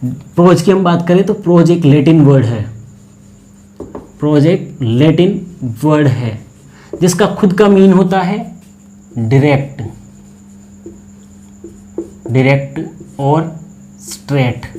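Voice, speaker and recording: A man with an Indian accent teaching an English class, explaining each point carefully and repeating key words as he reads the English slowly. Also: on the high side, animated, dark tone. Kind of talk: classroom lecture.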